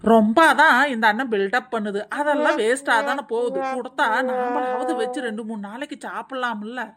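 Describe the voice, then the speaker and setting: A woman voicing a greedy, chatty village woman in an animated comedy, speaking in a boastful, wheedling manner. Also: on the high side, moderate pace, very noisy, natural voice. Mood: scheming.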